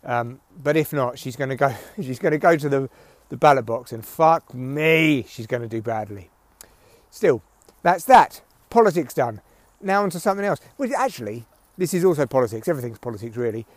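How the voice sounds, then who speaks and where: A man rants and swears through a rambling, opinionated solo comedy podcast, speaking a little fast with lively intonation in a medium-pitched voice. He records outdoors in windy weather using headphones as a mic, which picks up rustly clicks but no room sound.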